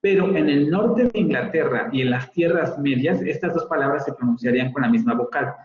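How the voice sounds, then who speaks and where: A man's voice: fairly high pitch, brisk. A man with a Mexican Spanish accent lecturing a university phonetics class, explaining points and repeating example words to model their pronunciation. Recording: roomy, slightly dull audio with faint ambience.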